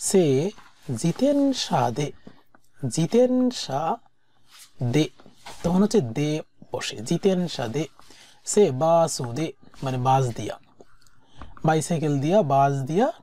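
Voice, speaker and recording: A woman teaching a language-exam lesson, saying each word slowly and repeating it before she explains it. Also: sits low, expressive, mellow.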